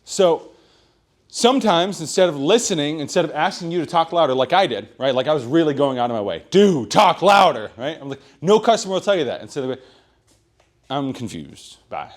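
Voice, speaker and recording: Male sales coach, fairly high voice, loud and pushy, tag questions throughout. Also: lively intonation, a little fast. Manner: projects loudly, keeps asking "right?". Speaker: sales trainer. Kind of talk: sales meeting training talk. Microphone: room microphone.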